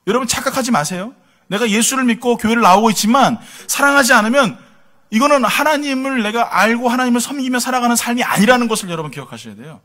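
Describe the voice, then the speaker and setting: A man's voice: extremely high pitch, lively intonation, fast, sharp tone. A middle-aged male pastor preaching a sermon in a conversational, humorous way, full of rhetorical questions to the congregation. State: tired from lack of sleep.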